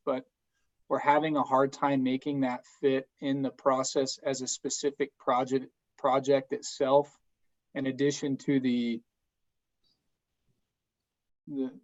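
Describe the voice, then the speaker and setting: Chair calling in on a breaking-up cell phone, halting delivery, flat and steady voice, lo-fi sound. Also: male voice, medium pitch. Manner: halting, many fillers and restarts. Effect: breaking-up cell phone connection. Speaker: committee chairman. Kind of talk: remarks at a public meeting. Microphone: phone on a remote call.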